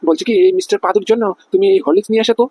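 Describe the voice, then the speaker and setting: A man's voice: high voice, fairly even intonation, very fast, warm tone, no echo. A man voicing a pushy middle-aged company boss in a cartoon, who keeps asking whether he is understood. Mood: bossy. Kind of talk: cartoon voice acting.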